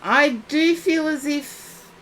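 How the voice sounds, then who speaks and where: Slow-talking woman psychic, high voice. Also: fairly even intonation, a bit bright, a little hiss or hum, rough recording. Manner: chatty, addresses viewers by name. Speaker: psychic reader. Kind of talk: live-stream readings for chat.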